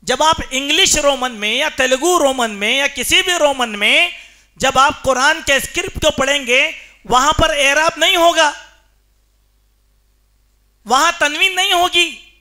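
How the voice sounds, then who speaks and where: A male preacher delivers a Friday sermon in a mosque. His voice sits very high and rings bright. He drives his points home emphatically and keeps firing rhetorical questions at the congregation.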